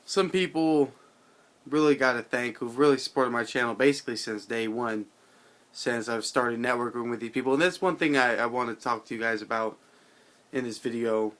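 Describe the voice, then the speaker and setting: A tipsy, tired man rambling casually to his channel's viewers, halting, repeating himself and swearing in loose slang. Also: mid-range voice, fairly bright tone. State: drunk, somewhat intoxicated and tired. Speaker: video channel host. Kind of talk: casual rambling vlog monologue.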